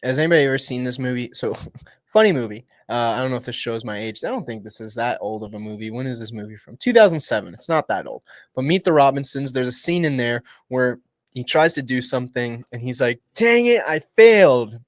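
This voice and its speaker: A young man hosting a livestream, talking casually and upbeat, rambling and restarting his sentences, at times dropping low and at times getting loud. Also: fast, no room sound, studio quality. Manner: rambling, upbeat, restarts often and shifts between hushed and loud. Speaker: livestream host. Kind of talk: casual motivational livestream talk.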